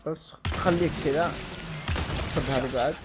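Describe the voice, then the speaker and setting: A young man doing excitable let's play commentary and yelling at in-game enemies. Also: fairly high pitch, moderate pace, over loud music. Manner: excitable, yells and curses at enemies. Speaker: gaming channel host.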